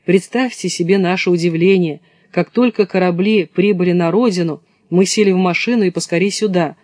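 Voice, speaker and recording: A man's voice: high voice, fairly quick, darkish tone, no echo, clean studio sound, close to an everyday voice. A man voicing a cheerful ship captain and father in a storybook reading, in a hearty manner.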